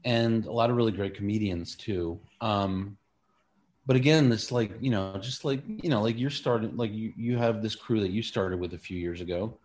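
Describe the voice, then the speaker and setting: Male interview guest, lowish voice, loose and wry conversational delivery. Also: moderate pace, darkish tone. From Queens, New York City. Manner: rambling, wry, peppered with like and you know. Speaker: stand-up comedian guest.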